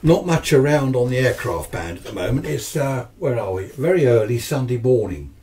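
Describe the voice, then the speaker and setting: This amateur radio hobbyist, a man probably in his 60s or 70s, speaks with a southern English accent from his cluttered indoor radio workshop at home. His medium-pitched, slightly mellow voice is animated and keeps a moderate pace. The video is an unscripted demonstration full of casual, rambling talk, little asides and self-directed questions.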